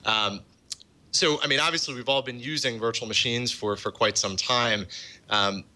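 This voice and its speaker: A man guest on a tech podcast, explaining software in a casual way with many fillers. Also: medium pitch, normal speed, rough recording. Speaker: guest, open-source project developer. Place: office in a large city.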